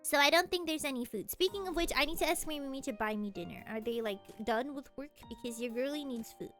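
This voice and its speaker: A young woman streamer chatting casually from her room, sleepy, talking fast and rambling with frequent laughter. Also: high-pitched, lively intonation, a bit bright, soft background music. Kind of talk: casual chat.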